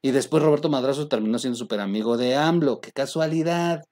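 A man's voice: medium pitch, fast talker, darkish tone. A man with a Mexican accent hosting political commentary, talking directly to the viewer in a conversational way.

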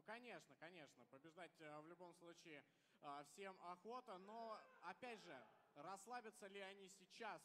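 A young man does live esports commentary on a headset mic. He has a notably high voice for a man, with the lingering reverb of a large hall around it. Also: a bit bright. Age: young adult. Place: caster desk on stage in large indoor arena.

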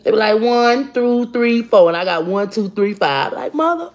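At a moderate pace, a woman with a deep voice for a woman reads comments during a casual phone livestream in her home kitchen, holding the camera at arm's length. She addresses viewers by name, bluntly and profanely, with lots of animation.

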